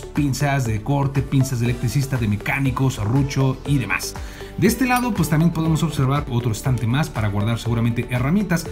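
A man at a desk presents collectible models with a showman's flair, breaking into lively exclamations as he goes. His pitch sits in the middle range. Music plays clearly behind him. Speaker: diecast collector channel host. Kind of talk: casual unboxing review. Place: indoor desk, office.

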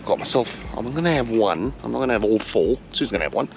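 Talking fast in a lowish, gravelly, expressive voice, the Australian man in his forties vlogs his travels in a relaxed, meandering, colloquial style. He holds an action camera at arm's length on the beach and sometimes in a car, with slight background noise.

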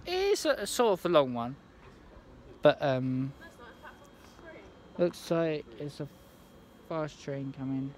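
Slow rambling young man on a platform. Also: a little high, sing-song. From England. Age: young adult. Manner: rambling, halting, with many restarts and fillers. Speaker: trainspotting vlogger. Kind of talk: casual handheld vlog. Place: outdoor railway station platform. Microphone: phone held at arm's length.

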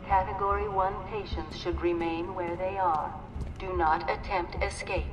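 A woman voicing a calm asylum security announcer, giving clipped official warnings over an air raid style public address loudspeaker. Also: lowish voice, measured pace. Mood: stern. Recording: long echoing loudspeaker reverb with music behind.

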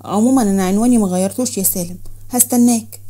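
A woman's voice: medium pitch, rapid-fire, warm tone, lightly acted. Woman doing a coy, wheedling Egyptian young woman. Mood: cool, teasing.

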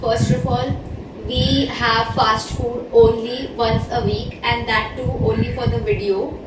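A young woman from India chats through a casual question-and-answer session, talking with her hands as she goes. Her voice sits a little high. It is picked up from a distance in an echoey room, with loud hiss running underneath. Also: little pitch movement, measured pace. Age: 20s. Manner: chatty, gestures with both hands. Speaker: vlogger. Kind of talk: casual Q&A chat. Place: bedroom, indoors. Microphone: far camera.

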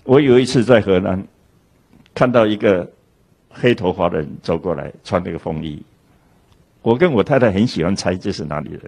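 A man's voice: fairly low pitch, husky. A man giving a lecture in a storytelling way, acting out the dialogue he quotes. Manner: animated, acts out quoted dialogue.

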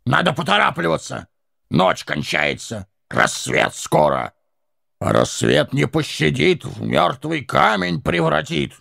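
Male reader as sly old wizard faking troll voices, raspy storybook role, mocking and sharp. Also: fairly high pitch, sing-song, unhurried, no echo, studio quality, pitched above the performer's own voice, full character voice. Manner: mocking, stirring up quarrels.

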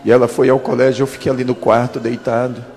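A pastor in his thirties telling a dramatic testimony in a sermon, with slow emphatic pauses. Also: medium pitch, flat delivery, darkish tone. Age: 30s. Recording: long church-hall reverb with music.

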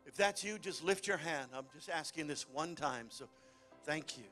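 A middle-aged man preaching a lively sermon in a church, calling out for amens. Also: a little high, moderate pace, soft background music. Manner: lively preaching, calls for amen and hallelujah. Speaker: pastor. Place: church sanctuary.

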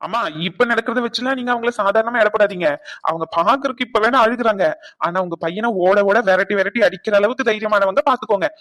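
A woman playing a quick-talking cartoon dad. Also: mid-range voice, fairly bright tone, no echo, close to an everyday voice. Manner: quick, soothing, playful. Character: young father, teasing and tender. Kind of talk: cartoon voice acting.

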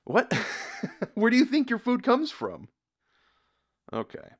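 A young American man hosts a casual reaction video from a dim room, rambling, repeating words and reading comments aloud. His voice is very high-pitched with huge pitch swings, and he speaks slowly.

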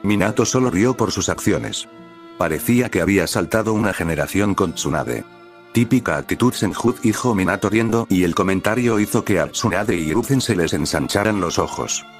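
Deep-voiced man reading a fan story. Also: lively intonation, fairly quick, faint music behind. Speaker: narrator.

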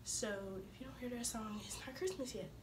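A young woman vlogging casually to her viewers, her voice slightly hoarse from a cold, chatting informally and calling them y'all. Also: fairly high pitch, lively intonation, fairly quick, noisy background. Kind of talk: casual vlog chat to camera.

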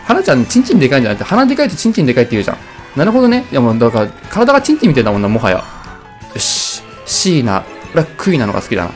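Young man, let's-play commentator, casual and rambling, jokey, very fast, lively swinging pitch. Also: faint music behind. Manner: rambling, jokey, reacting loudly to the race. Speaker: gameplay commentator.

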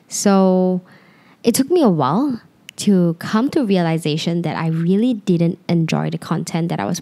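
Seated on a sofa at home, a young female podcast host talks alone into a handheld microphone held close. She has a Malaysian English accent with some North American influence and a relaxed, slightly low voice, and her monologue is confiding, open, and occasionally rambling.

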